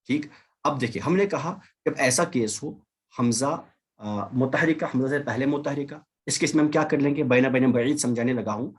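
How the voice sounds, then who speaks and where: A man's voice: mid-range voice, slightly rough. A man teaching an online language class over a video call, patiently repeating and drilling examples. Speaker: Arabic teacher.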